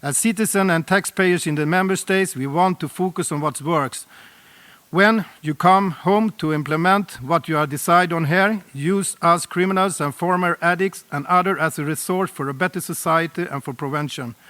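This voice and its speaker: A middle-aged man from Sweden with a Swedish accent, giving an earnest, deliberate prepared address at a roundtable, with small slips in his English. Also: fairly high pitch, fairly bright tone. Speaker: speaker at a UN roundtable.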